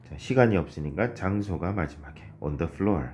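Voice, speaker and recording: A man teaching English grammar in a recorded online lesson, explaining patiently step by step, asking questions and answering them himself, and reading English sentences out slowly. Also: deep voice, expressive, a little mellow, slight background noise.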